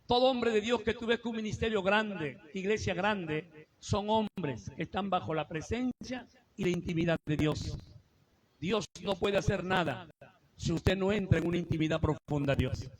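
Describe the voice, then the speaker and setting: A man preaching a sermon testimony to a congregation, building from calm storytelling to shouted fervor. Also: sits high, moderate pace, rough recording. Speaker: evangelist preacher. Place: church with congregation. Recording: live church recording with crowd.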